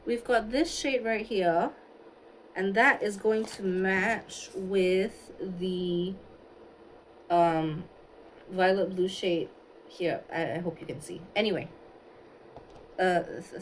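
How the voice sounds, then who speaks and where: Her phone sits on a stand as this Singaporean woman livestreams a makeup look, chatting and thinking aloud in answer to viewers. She talks slowly at medium pitch, with long pauses. The recording is rough, with a little hiss or hum.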